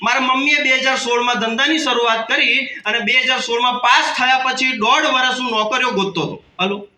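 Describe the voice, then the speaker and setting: Speaking to a hall audience, this roughly 30-year-old man gives a jokey motivational business talk in a Kathiawadi Gujarati accent, calling out to listeners as he goes. His very high, sharp-toned voice moves fairly quickly with fairly even intonation, and the low-quality recording sounds roomy and distant.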